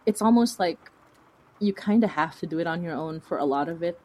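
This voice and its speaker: Her voice is on the low side and dark, and she talks fairly quickly. As a guest being interviewed about her fiction podcast, she rambles in a loose, informal way, often self-deprecating.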